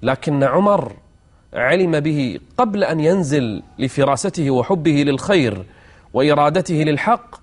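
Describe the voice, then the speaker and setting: A man's voice: on the high side, lively intonation, moderate pace. A man presenting a religious programme, telling stories rhetorically in formal standard Arabic, with repeated phrases and questions. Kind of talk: religious storytelling to an audience. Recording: music behind the voice.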